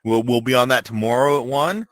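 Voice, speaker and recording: A man co-hosting a casual gaming podcast, halting and repeating words as he searches for them. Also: medium pitch, a bit bright, dry recording. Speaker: co-host.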